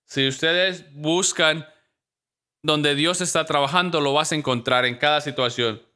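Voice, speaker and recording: A man preaches from a church stage with a notably bright, sharp tone and a slightly higher pitch than most men. He tells his stories with animation and slips into the voices of the people he describes. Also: a little slow. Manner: animated storytelling, acting out quoted voices. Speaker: pastor. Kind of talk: sermon.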